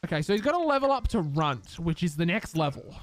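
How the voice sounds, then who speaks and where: Lively, chatty male game streamer. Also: fairly high pitch, fast talker. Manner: chatty, upbeat, talks to chat and game characters. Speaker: streamer playing a life-sim game. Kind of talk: casual live-stream commentary.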